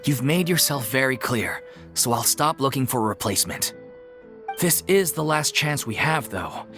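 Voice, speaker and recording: A man's voice: mid-range voice, expressive, normal speed, a bit bright. A man voicing a worried, earnest theatre troupe leader in a video game. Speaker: troupe manager. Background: game music.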